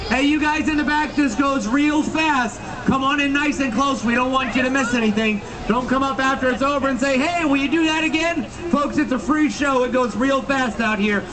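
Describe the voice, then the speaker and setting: High-pitched sword-swallower sideshow barker. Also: male voice, normal speed, hardly any pauses. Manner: showman's barker patter, theatrical and emphatic, addressing the crowd. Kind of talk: live sideshow pitch to a street crowd. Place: busy street outside an attraction, later its lobby. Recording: distant mic, crowd around. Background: crowd.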